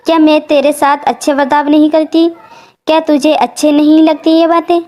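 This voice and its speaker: A woman's voice: sits high, steady tone, a little slow, darkish tone. A woman voicing a kind, protective mother-in-law in a storybook tale, speaking affectionately.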